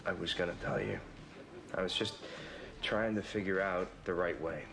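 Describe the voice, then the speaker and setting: A man's voice: low-pitched, moderate pace, fairly bright tone. A man acting in a TV drama as a flippant, sheepish young best friend. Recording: music behind film dialogue.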